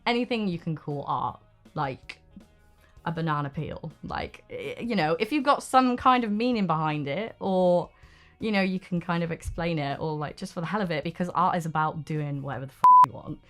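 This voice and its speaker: With music in the background, a young woman artist gives a candid, informal interview, leaning often on "like" and "um." She speaks at a normal pace in a lowish, expressive voice.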